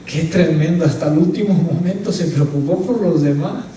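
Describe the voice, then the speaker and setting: A man's voice: a little high, moderate pace, dark tone, slight background noise. A male pastor preaching a sermon with emphasis, often calling out to the congregation as brothers. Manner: emphatic, often calls out "hermano". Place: church. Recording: echoey church hall, mic at a distance.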